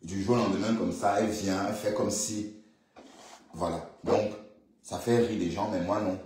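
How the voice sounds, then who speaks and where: A man's voice: fairly low pitch, steady tone, normal speed, a little mellow, a little hiss or hum. A man giving casual, opinionated commentary to viewers, repeating himself and restarting his sentences. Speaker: online commentator. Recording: very echoey room.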